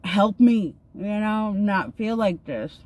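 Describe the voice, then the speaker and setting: A vlogger, a woman in her thirties, speaks slowly but animatedly in a mid-range, slightly mellow voice. She does her makeup in a parked car and tells a personal story in an earnest, chatty way packed with fillers. The phone camera capturing her is held at arm's length.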